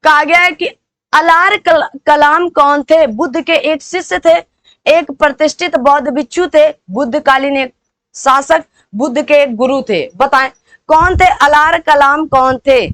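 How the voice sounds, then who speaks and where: A woman with a high, fairly bright voice teaches an exam-preparation lesson, repeating key points and prompting listeners with quick rhetorical questions. There's no room sound.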